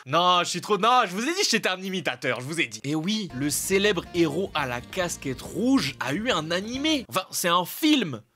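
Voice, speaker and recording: A man's voice: high voice, big pitch swings, normal speed, few pauses, pushed and bright, soft background music. A young man presenting anime trivia to his viewers in a casual joking video, slangy and playfully indignant.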